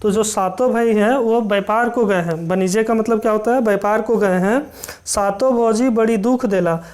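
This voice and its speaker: A teacher explains a folk tale, reading dialect lines slowly and then restating them in plain words with many fillers. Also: mid-range voice, fairly even intonation, a little mellow.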